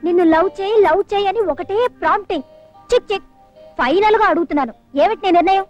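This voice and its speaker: A woman's voice: very high voice, fast talker, highs cut off. A woman playing a flighty young daughter in an old film comedy, giggly and mixing in English words. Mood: teasing. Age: young adult. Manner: giggly, mixes English words, repeats a pet phrase. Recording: dry old film soundtrack with music.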